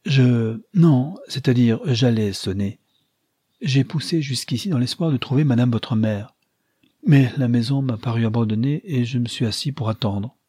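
A man voicing an awkward young gentleman who stammers hesitantly in an audiobook. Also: on the low side, little pitch movement, brisk, breathy edge, dry recording, clean studio sound. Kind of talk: audiobook character voice.

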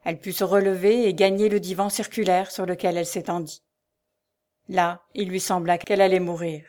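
A woman narrating an audiobook of a classic novel in a measured, clear, expressive way. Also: fairly low pitch.

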